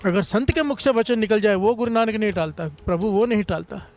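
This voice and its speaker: A man's voice: high voice, brisk, faint music behind. A man preaching a devotional sermon, fervently leading the congregation in call-and-response and sometimes slipping into sung phrases.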